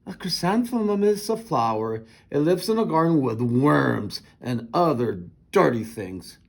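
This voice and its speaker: Storybook role: smug know-it-all schoolgirl who teases, with a gravelly touch man performing. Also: a little high, very animated, unhurried, full character voice. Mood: mocking. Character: smug, teasing young schoolgirl tattletale.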